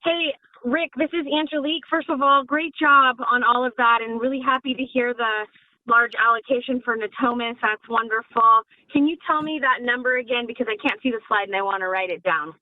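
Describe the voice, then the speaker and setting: A woman board director calling in over the phone, asking quick, polite questions during a public meeting. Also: on the high side, no room sound. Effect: speaking over the phone. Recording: tinny dry phone line.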